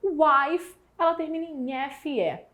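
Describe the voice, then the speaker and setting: This exam prep English lesson comes from a Brazilian woman with a Brazilian Portuguese accent and a high-pitched, fairly bright voice, who slowly stretches out the example words.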